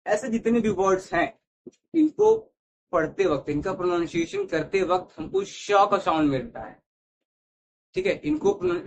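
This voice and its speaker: A man teaches an English grammar lesson in a slightly high voice. He repeats each word list aloud and keeps checking that his students follow. His voice sometimes drifts as he moves away from the mic toward the board. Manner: repetitive, checks understanding with "theek hai". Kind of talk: classroom lesson explaining to students.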